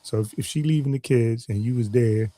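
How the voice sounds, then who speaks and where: A man co-hosting a casual live stream, talking in a rambling, halting way with many restarts. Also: medium pitch, dark tone, no echo. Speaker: stream co-host.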